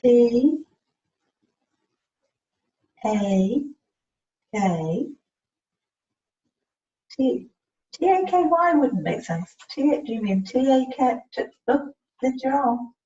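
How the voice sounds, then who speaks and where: On a video call, a woman acting as a communication support partner gives a one-to-one lesson, coaxing and prompting a learner, repeating words deliberately and spelling them out letter by letter. Her voice is fairly high, sing-song and mellow. She sits away from the microphone, so the audio is muffled and distant in an echoey room with faint noise.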